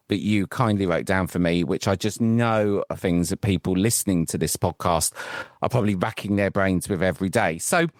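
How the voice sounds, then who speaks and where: Soft-spoken man hosting a podcast. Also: low-pitched, dry recording, studio quality. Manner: reflective, gentle, many fillers. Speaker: podcast host. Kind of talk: podcast interview. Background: music.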